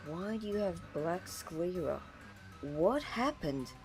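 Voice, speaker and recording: A woman's voice: fairly low pitch, lively intonation, slow pace. A woman voicing inquisitive fantasy game adventurers in amateur, stilted voice acting. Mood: stagey questioning. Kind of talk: amateur game dialogue reading. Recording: music behind the dialogue.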